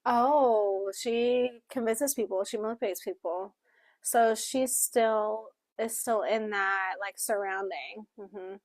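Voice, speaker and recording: A woman co-hosting a casual book club discussion, talking in an expressive, chatty way while also voicing interpreted signing. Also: mid-range voice, takes it slowly, no room sound. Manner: expressive, chatty, with frequent fillers.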